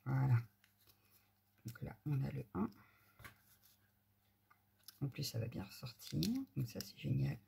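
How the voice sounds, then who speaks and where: A woman's voice: extremely low pitch, steady tone, slow pace, gravelly, long pauses, noisy background. A woman hosting a casual crafting tutorial, giving a chatty running commentary as she works, with muttered asides.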